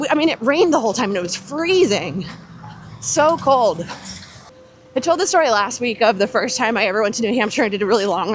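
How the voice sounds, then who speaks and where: High-voiced American woman chatting while running. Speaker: host of a running chat. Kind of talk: casual chat. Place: outdoors on city streets. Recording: faint outdoor street noise.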